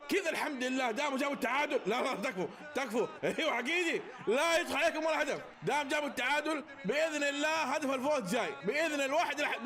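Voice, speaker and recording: A man reacting live to a football match, shouting praise and calling the plays. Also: extremely high pitch.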